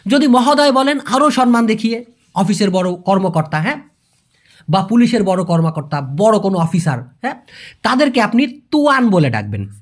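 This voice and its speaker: A man's voice: sits high, very animated, normal speed. A man from Bangladesh hosting a language lesson, explaining patiently, asking rhetorical questions and repeating key words. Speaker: language teacher, channel host.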